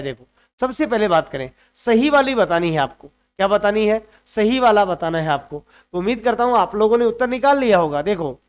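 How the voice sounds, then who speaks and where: A man with a high, smooth voice teaches an exam-prep grammar lesson. He keeps repeating key points and firing rhetorical questions at his students. He has them chant rules aloud along with him.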